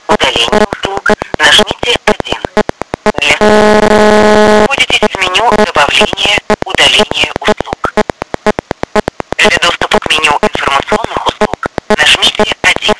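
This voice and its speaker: A man with a high-pitched voice reads automated phone menu prompts in a measured, formal, even way, with digits read out one at a time. The recording has heavy, loud noise over it, like a phone line.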